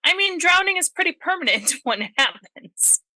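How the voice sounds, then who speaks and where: A woman playing a tabletop game, speaking hesitantly with many pauses. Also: very high-pitched, big pitch swings, pushed and bright, no room sound. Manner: hesitant, lots of ums and restarts. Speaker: player. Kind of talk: casual in-game chat.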